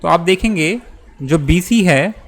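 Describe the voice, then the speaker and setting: A man's voice: a little high, animated, measured pace. A young man, patiently walking students through a geometry proof step by step, often checking in as he goes. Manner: patient, repeats and checks with "theek hai". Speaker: maths teacher.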